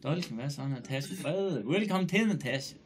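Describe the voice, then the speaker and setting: A man streaming live, chatting casually and loudly, joking, swearing and greeting viewers by name. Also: on the high side, lively intonation, slight background noise.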